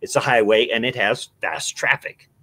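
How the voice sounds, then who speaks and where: A middle-aged man chatting casually, telling animated stories and acting out quotes. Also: medium pitch, moderate pace. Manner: storytelling, animated, acts out quotes. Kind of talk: casual chat.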